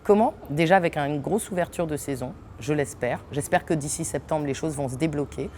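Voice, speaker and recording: A deep-voiced actress from French Guiana who owns a theatre company talks a little fast as she fields interview questions in an unfinished theatre hall. Her manner is lively, with frequent laughs and hesitations, over a faint hiss or hum.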